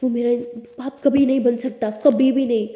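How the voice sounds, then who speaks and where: A woman's voice: high-pitched, steady tone, a little fast, gravelly, highs cut off. A woman voicing an angry, hurt young woman who raises her voice and argues bitterly. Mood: angry shouting. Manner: shouting, bitter, pleading. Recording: echoey room with long reverb.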